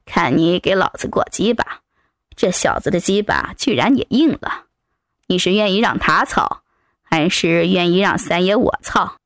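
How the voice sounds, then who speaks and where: A woman's voice: fairly low pitch, animated, normal speed, no room sound, studio quality, voice pushed down. A woman voicing a crude, domineering man who curses and barks orders, dropping far below her own voice. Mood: gruff bullying. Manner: coarse, bullying, swearing. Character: crude domineering male thug, adult man.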